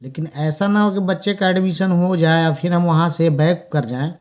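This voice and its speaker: A man's voice: fairly high pitch, moderate pace, darkish tone. Hesitant man on a muffled call. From Bihar, India. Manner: hesitant, repeats words, gets cut off. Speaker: parent on a sales call. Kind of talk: phone conversation.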